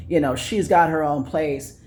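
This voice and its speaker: A man's voice: on the high side, measured pace, darkish tone, slight background noise. A man telling a personal story in a casual monologue, blunt and profane, repeating phrases for emphasis. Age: adult. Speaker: vlogger.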